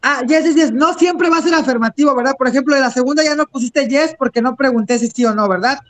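Very high-voiced male teacher. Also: fast, fairly bright tone. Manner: encouraging, switches between English and Spanish. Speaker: English teacher. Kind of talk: online class instruction.

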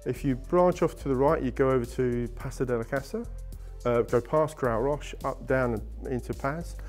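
Faint music plays behind this middle-aged travel company guest as he talks up ski holidays in an interview, eager and salesy, often starting over mid-thought. He speaks at a moderate pace in a medium, slightly mellow voice, recorded in an indoor studio set with wooden walls.

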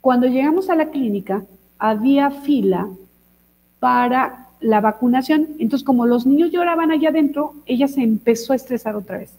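A woman co-hosts a casual talk show, telling stories with lively energy. Her voice sits high yet sounds soft and mellow. A long reverb trails behind her words. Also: normal speed. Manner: lively storyteller, demonstrates techniques. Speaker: co-host. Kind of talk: casual chat.

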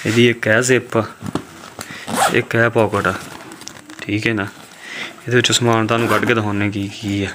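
In a home show-and-tell vlog shot on his own handheld phone indoors, a middle-aged man with a Pakistani Punjabi accent displays school supplies, pausing often. His voice is lowish and level at a moderate pace, repetitive with frequent "okay" and "mashallah," and loud background noise runs throughout.

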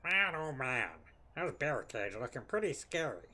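A man's voice: fairly high pitch, sing-song, normal speed, sharp tone, faint music behind, exaggerated voice. A man voicing a vain, cowardly duck officer in a cartoon duck voice for a game, boastful and dithering. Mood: boastful bravado. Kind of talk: reading visual novel game dialogue in character.

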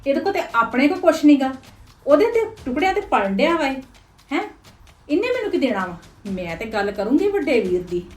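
A woman's voice: sits high, big pitch swings, brisk. A woman playing a scheming, bossy elder sister. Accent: Punjabi. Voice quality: scornful, bossy. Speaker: elder sister in a village family drama. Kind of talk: Punjabi web drama acting.

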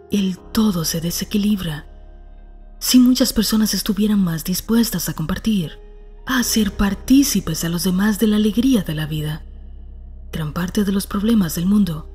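A woman reading a scripted self-help narration in a calm, soft, breathy manner. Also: mid-range voice.

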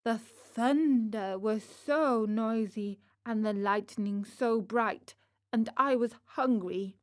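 A woman's voice: fairly high pitch, takes it slowly. A woman voicing a naughty, hungry wooden puppet boy who whines and pleads. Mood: pleading. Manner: whiny, pleading, excitable.

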